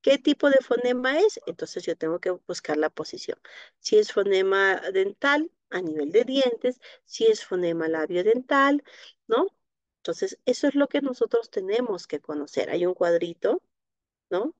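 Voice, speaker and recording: Calm Latin American woman instructor for a webinar, patient, tags "¿no?", dry and slightly dull audio. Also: mid-range voice, a little slow, no room sound. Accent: Latin American Spanish. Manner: explanatory, frequent tag "¿no?", soft diminutives. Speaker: speech therapy instructor. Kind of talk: live online class, answering viewer questions.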